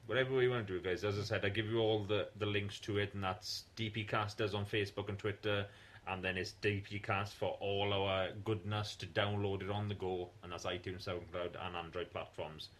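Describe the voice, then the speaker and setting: A man's voice: on the low side, fairly even intonation, fairly bright tone. A man co-hosting a podcast in casual chat, blunt and sweary. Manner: blunt, swears freely, quick bursts of laughter. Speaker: podcast co-host.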